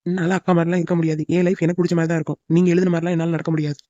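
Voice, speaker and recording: A man's voice: fairly high pitch, little pitch movement, rapid-fire, dark tone, dry recording, lo-fi sound, lightly acted. A man voicing a stubborn young son who argues with his father in a cartoon, in a heated way. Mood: defiant.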